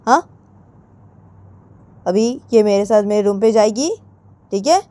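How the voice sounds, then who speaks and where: A woman's voice: mid-range voice, unhurried, dark tone, dry recording, lightly acted. A woman voicing an indignant young woman who fires off insistent questions.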